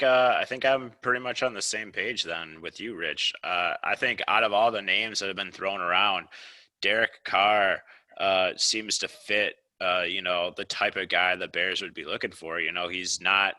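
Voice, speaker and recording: A man co-hosting a podcast who talks through sports analysis in a measured way, point by point. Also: sits low, steady tone, bright, forceful tone, no room sound, poor audio. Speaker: podcast co-host. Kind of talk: casual sports chat.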